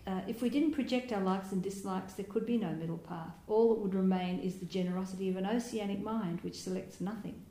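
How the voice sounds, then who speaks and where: A woman giving a Buddhist dharma talk as a meditation teacher, speaking gently and reflectively, with soft laughs and small hesitations. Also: mid-range voice, a little fast, few pauses. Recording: roomy hall with faint background noise.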